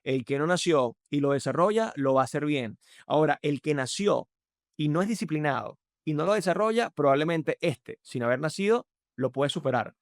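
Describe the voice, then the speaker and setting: A Venezuelan man with a Venezuelan accent speaks expressively at a moderate pace, recorded with studio quality and no echo. As a podcast guest, he explains communication emphatically in a conversational way, varying his pitch and loudness to demonstrate.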